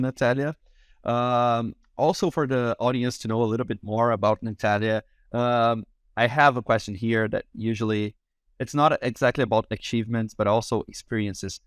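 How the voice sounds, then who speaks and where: A man's voice: lowish voice, no echo, clean studio sound. A man from Brazil with a Brazilian Portuguese accent, a non-native English speaker hosting a podcast in a friendly, hesitant way. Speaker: podcast host. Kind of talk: podcast interview.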